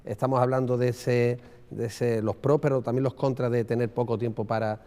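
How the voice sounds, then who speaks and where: Mellow moderator, man, echoing hall. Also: medium pitch, flat delivery, normal speed. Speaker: round-table moderator. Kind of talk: conversational panel moderation. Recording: long hall reverb.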